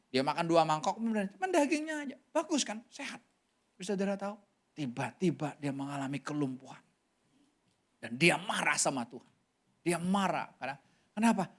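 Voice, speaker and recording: A male pastor preaching a sermon, telling a story animatedly with sudden jumps in pitch and often calling out to the congregation. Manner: keeps addressing the congregation directly.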